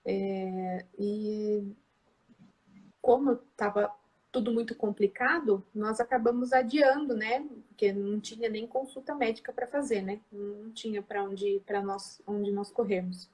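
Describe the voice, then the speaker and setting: A woman's voice: mid-range voice, measured pace, a little mellow, slightly rough, poor audio. A woman in her thirties, a guest telling her personal story in a candid, rambling way, full of fillers and self-corrections. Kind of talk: personal testimony in a conversation.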